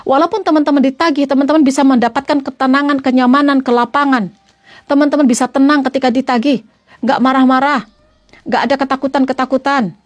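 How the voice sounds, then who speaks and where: A woman's voice: high-pitched, fairly even intonation, quick pace. A woman preacher giving an earnest religious talk to her followers online. She repeats points and often calls her listeners friends. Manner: stops briefly to answer greetings from comments. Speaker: female Islamic preacher (ustazah).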